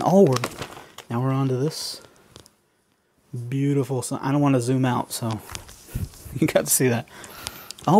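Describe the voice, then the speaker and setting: Here a man with a mid-range, slightly mellow voice talks over a faint hiss or hum. Building a toy kit, he keeps up loose, unscripted commentary for his viewers, whom he calls folks, and cracks jokes at his own expense.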